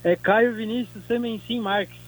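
High-voiced São caller over the phone. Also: male voice, steady tone, normal speed, soft background music. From Guarulhos, São Paulo, Brazil. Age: 30s. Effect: heard over a phone line. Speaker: radio show caller. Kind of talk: casual call-in chat.

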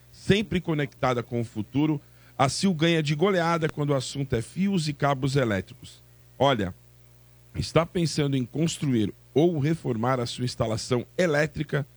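A man's voice: fairly high pitch, lively intonation, moderate pace. A man, a radio co-host giving a conversational sponsor read. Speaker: sports radio co-host reading a sponsor spot.

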